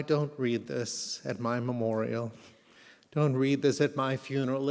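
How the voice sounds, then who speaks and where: A man delivers a memorial sermon as a rabbi in a reverberant hall. His delivery is solemn and unhurried, with reverent, measured phrasing and a medium-pitched voice. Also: creaky, a little mellow. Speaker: rabbi leading a memorial service. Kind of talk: eulogy sermon with scripture reading and prayer.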